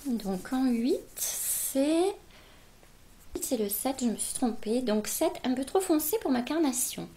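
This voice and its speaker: A woman's voice: sits high, lively intonation, mellow, slight background noise. A woman chatting casually as she unboxes beauty gifts, gushing with exclamations. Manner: gushing, exclamatory, slow and drawn out. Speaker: beauty vlogger.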